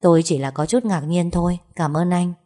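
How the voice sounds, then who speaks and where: A woman's voice: fairly low pitch, a little fast, natural voice. A woman voicing a timid young wife. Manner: hesitant, soft.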